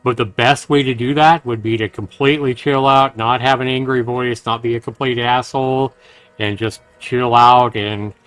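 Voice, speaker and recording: Faint game music sits under this livestream, where a man reads out a visual novel's text and chats earnestly and casually with his audience. He has a mid-range, fairly bright voice.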